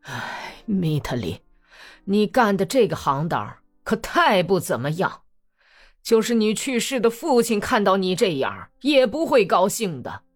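A woman voicing a stern, dignified old man who speaks firmly and deliberately. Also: mid-range voice, big pitch swings, soft background music, pitched above the performer's own voice. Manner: firm, measured, stern.

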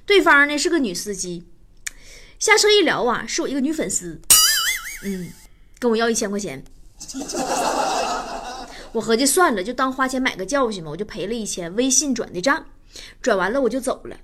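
Woman, stand-up storytelling, teasing and self-mocking, high voice, background noise. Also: very animated, moderate pace, long pauses. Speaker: stand-up comedian.

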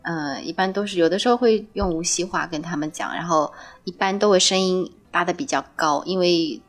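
A woman from Wuxi who works at a hospital, a podcast guest talking softly and a little hesitantly. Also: lowish voice, fairly quick. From Wuxi, Jiangsu. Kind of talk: casual chat.

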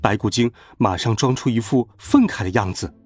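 Husky man telling a children's story. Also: lowish voice, normal speed. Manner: animated, playful voices. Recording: faint background music.

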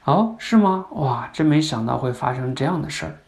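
A man playing a flustered father trying to soothe his young daughter, with hurried, coaxing words. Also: a little high, lively intonation, vocal fry, darkish tone. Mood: gentle.

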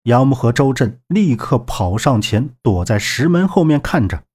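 A male narrator reads an adventure audiobook in a dramatic, expressive style. His pitch rises and falls vividly as he tells the story. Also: moderate pace, husky. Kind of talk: scripted narration.

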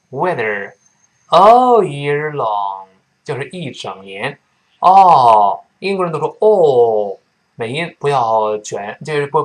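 Lively-pitched man teaching English pronunciation. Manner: explains slowly and models words by stretching them out. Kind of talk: spoken English lesson for learners. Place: lives in Sydney.

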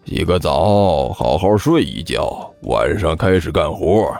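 A male narrator voicing a grumpy, gruff older master swindler who scolds his apprentice in an audiobook story. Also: extremely low pitch, animated, slow pace, darkish tone, no echo, soft background music, pitched below the performer's own voice, full character voice. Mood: drowsy.

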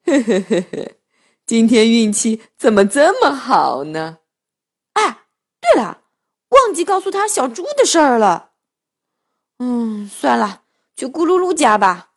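A woman's voice: a little high, sing-song, a little slow, long pauses, heavily acted. A woman voicing a cheerful, greedy big grey male wolf in a children's story, chuckling to himself as he talks. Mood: gleeful.

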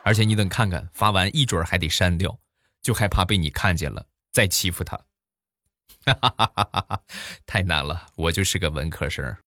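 A man's voice: deep voice, a little fast, fairly bright tone, dry recording, clean studio sound, faint music behind. A man telling funny everyday stories in a comic monologue, playful, with exaggerated punchlines. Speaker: comedian.

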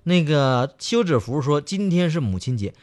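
A man's voice: fairly high pitch, sing-song, moderate pace, background noise. A man co-hosting a comedy radio show with a Northeastern Chinese accent, reading out listener messages and playfully acting out jokes. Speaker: radio talk show co-host. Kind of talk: bantering comedy radio chat. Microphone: studio microphone.

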